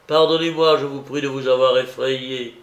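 A man voicing a shaken young man in an audiobook, strained and raised in pitch, turning tender with his aunt. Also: steady tone, moderate pace, roomy sound, lightly acted.

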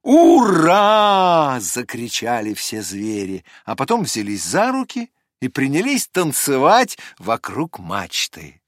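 Man, storybook narrator, animated, expressive, dry close recording. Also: mid-range voice, unhurried, dry recording. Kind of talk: children's storybook reading.

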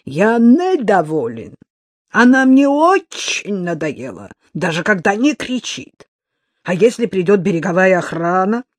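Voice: medium pitch, very animated, takes it slowly, no echo, studio quality. A reader voicing a spiteful male smuggler with a strong foreign accent who drawls and insists. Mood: sullen menace.

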